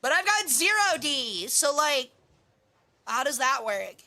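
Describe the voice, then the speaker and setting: A woman livestreaming in a cute anime-streamer manner, chatting with viewers in a bubbly, animated way and exclaiming her greetings. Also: high-pitched, takes it slowly. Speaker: VTuber streamer, host.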